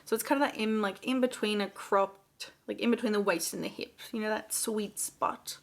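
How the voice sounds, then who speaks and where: An Australian woman talks through her plans in a relaxed, chatty knitting vlog. She rambles a bit, with plenty of ums, likes and restarts, at a mid-range pitch. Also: normal speed, creaky. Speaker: knitting vlogger. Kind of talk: casual chat.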